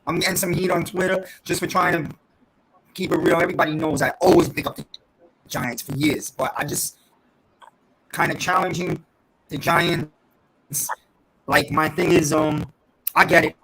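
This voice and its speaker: A man phones in from his garage on a choppy connection that keeps breaking up. His gravelly, fairly high voice carries faint hiss and clicks, and he explains himself in an earnest, halting way. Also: flat delivery, fairly bright tone. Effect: choppy, breaking-up call connection. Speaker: guest calling in. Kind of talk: casual sports chat. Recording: faint noisy glitchy call line.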